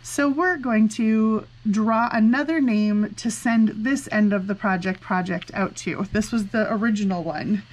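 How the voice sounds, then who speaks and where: A woman's voice: mid-range voice, unhurried, hardly any pauses, rough recording. A woman hosting a crafting vlog, chatting casually in a rambling, effusive and exclamatory way. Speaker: crafting channel host. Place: indoors at a desk with a laptop.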